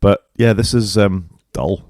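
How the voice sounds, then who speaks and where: A tired, slightly croaky man co-hosting a podcast in casual, rambling chat. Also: lowish voice, measured pace, darkish tone, no echo, clean studio sound. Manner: chatty, rambling, self-deprecating. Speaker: podcast co-host.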